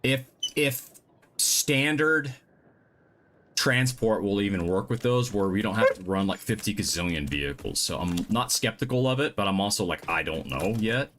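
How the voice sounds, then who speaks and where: Low-voiced man musing through gameplay. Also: lively intonation, normal speed, fairly bright tone, slight background noise. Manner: thinks aloud, muttering to himself while planning. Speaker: live-stream gamer. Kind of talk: casual gameplay commentary. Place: home.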